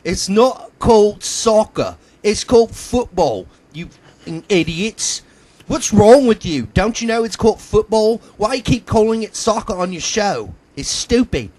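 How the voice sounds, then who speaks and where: A man performs an outraged Englishman with an English accent, his voice pushed high and strained as he rants. He berates and insults his listeners in a sneering tone. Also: expressive, a little slow, a little mellow, no echo. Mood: angry ranting. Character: irate English man scolding Americans.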